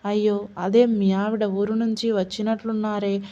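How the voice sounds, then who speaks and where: A woman's voice: medium pitch, little pitch movement, normal speed, mellow, natural voice. A woman voicing a nosy, lecturing older male neighbor in an audio story, with a prying, scolding tone and a dull lo-fi sound.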